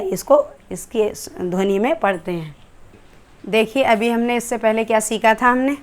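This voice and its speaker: A woman English teacher with an Indian accent, explaining letter sounds step by step in a classroom-style lesson and asking rhetorical questions as she goes. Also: fairly high pitch.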